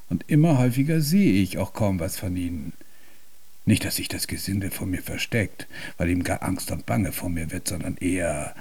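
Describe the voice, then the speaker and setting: This low-pitched, darkish male voice belongs to an actor in a German radio play. His character is an old composer, short-tempered, proud, and partly deaf, who talks in a husky rasp with pompous, elaborate phrasing.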